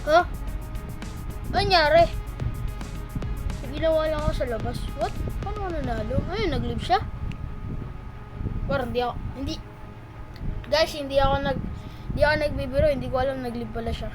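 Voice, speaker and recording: A woman with a Filipino accent giving live commentary on her gameplay, excitable, bursting into repeated exclamations and mixing in English banter. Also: high voice, moderate pace, long pauses, music in the background, rough recording. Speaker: gamer streamer.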